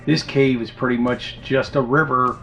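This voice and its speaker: A man's voice: mid-range voice, steady tone, moderate pace, fairly bright tone, faint music behind. A man co-hosting a travel vlog, explaining things in a casual, plain-spoken, folksy way.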